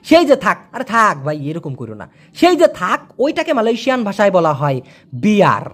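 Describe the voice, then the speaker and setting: A woman from Bangladesh gives a casual spoken language lesson, slowly repeating words again and again as pronunciation drills. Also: medium pitch, wildly swooping pitch. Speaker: language teacher.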